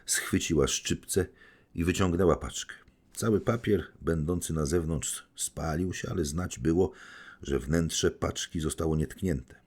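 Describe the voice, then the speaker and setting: A man narrating an audiobook in a measured, dramatic reading style. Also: rumbling low, a little mellow, breathy edge. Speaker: audiobook reader.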